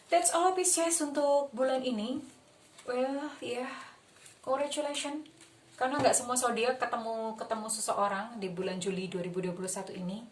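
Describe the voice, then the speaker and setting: A young Indonesian woman reading tarot, guiding a calm healing visualization and chatting affectionately with viewers, dropping English phrases into her talk. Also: mid-range voice, recorded from a distance. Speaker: tarot reader.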